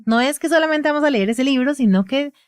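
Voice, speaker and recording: A woman's voice: high voice, animated, fast talker, no room sound. Costa Rican woman, speech therapist, explains patiently, frequent question tags, dry close sound. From Costa Rica. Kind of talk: casual podcast conversation.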